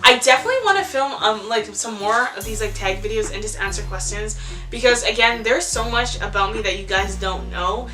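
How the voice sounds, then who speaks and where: With music underneath, a seventeen-year-old vlogger rambles to the camera in a bright, forceful, mid-range voice that is animated and fairly quick. She's chatty and says "like" and "ew" constantly.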